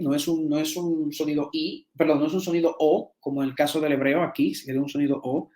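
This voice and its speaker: A man teaching a seminar, explaining slides and often repeating and restarting words as he checks in with his listeners. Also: a little high. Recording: echoey room.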